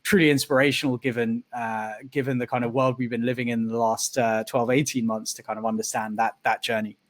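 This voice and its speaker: Hosting an online interview over video call, a man speaks briskly at medium pitch with a flat delivery. He rambles, using many fillers and restarting his sentences.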